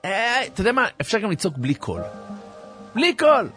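A man giving a dramatic religious talk to his listeners. He moves from hushed asides to sudden shouts. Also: sits high, sing-song, soft background music. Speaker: religious teacher. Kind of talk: animated Torah talk to listeners.

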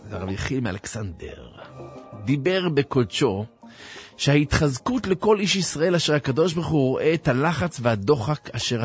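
A man giving a dramatic religious talk to his listeners. He moves from hushed asides to sudden shouts. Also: medium pitch. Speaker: religious teacher. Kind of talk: animated Torah talk to listeners.

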